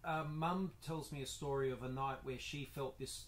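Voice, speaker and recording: A man's voice: medium pitch, fairly even intonation, moderate pace. A man with an Australian accent, interviewing family casually over a video call. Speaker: interviewer, grandson.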